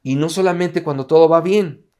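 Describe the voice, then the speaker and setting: A man's voice: a little high, moderate pace, darkish tone. A man preaching a sermon at an online Sunday service. He talks in a conversational way and keeps asking his listeners rhetorical questions.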